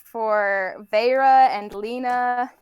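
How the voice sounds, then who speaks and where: High-voiced woman narrating a tabletop game. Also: steady tone, drawn-out words, darkish tone, dull audio, slight background noise. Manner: chatty, with fillers. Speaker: game master.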